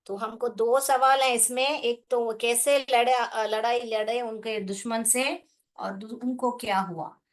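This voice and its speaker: Woman teacher, Indian accent, slow and patient, spells out words, fairly high voice. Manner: slow, spells out English words, explains in Hindi; addresses students as beta. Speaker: English teacher. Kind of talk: online class lesson.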